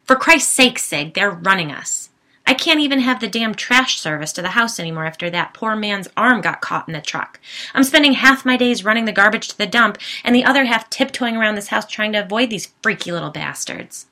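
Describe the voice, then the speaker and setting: A woman reading the part of a worried, exasperated husband in an audiobook, her voice gravelly and bright. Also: fairly low pitch, moderate pace. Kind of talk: audiobook character voice.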